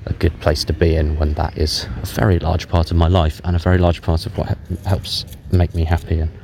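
A man speaking haltingly and candidly in a low-spirited, self-deprecating way, making a casual confessional audio diary on a handheld voice recorder outdoors. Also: little pitch movement, gravelly, warm tone. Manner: hesitant, halting, candid with frequent long pauses. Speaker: podcast host. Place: outdoors in a public park while out walking. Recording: handheld dictaphone recording outdoors, background noise. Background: outdoor park ambience.

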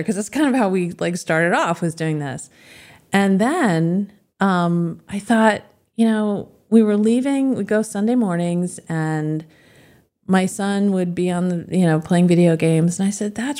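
A middle-aged woman with a low-pitched voice talks in a loose, rambling way. She laughs often between thoughts. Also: darkish tone. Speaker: guest. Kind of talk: casual conversation.

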